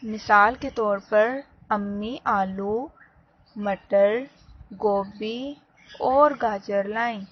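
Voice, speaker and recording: A woman teacher giving a slow, explanatory lesson and speaking directly to her students. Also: mid-range voice, slightly rough. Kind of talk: classroom lesson. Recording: dull lo-fi sound, faint background noise.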